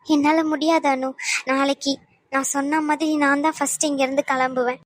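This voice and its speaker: A gentle young wife in a cartoon family drama, voiced by a woman, soft and pleading in a high, dry voice. She begs and comforts through tears. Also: flat delivery, brisk, no room sound, natural voice. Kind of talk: animated cartoon voice acting.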